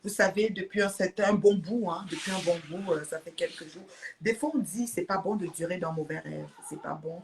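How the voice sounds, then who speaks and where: A chatty woman talks casually on a live stream, greeting and thanking her viewers between bursts of laughter. She speaks straight into a phone or webcam, with a relaxed, conversational flow. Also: lowish voice, normal speed, creaky, slight background noise.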